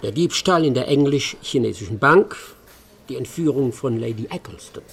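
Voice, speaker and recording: Herlock Sholmes, gravelly, husky detective. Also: male voice, medium pitch, animated, moderate pace. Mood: dry, confident. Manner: terse, dry, pedantic. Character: stern, self-assured English master detective. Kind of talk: German radio play acting.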